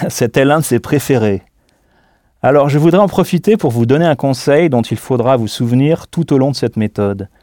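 An expressive man with a dark tone and mid-range pitch teaches a scripted audio language lesson in a dry studio with no echo or room around him. He talks slowly and deliberately, spelling words letter by letter.

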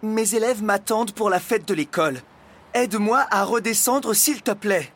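Man putting on an indignant teacher lady, high and lively, storybook. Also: moderate pace, husky. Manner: indignant, exasperated. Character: cross adult woman schoolteacher.

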